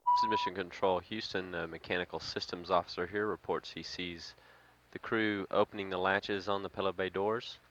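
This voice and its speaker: Male mission control commentator, deep register, factual and halting live updates, slightly muffled broadcast sound. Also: huge pitch swings, a bit bright, a little hiss or hum. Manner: measured, halting, factual delivery. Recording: dull lo-fi broadcast feed.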